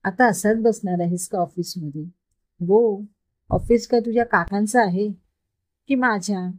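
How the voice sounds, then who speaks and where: Woman doing a quick-tempered young woman, scolding, caring, storybook figure, dry close sound. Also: medium pitch, no echo, natural voice. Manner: scolding, sharp, raised voice.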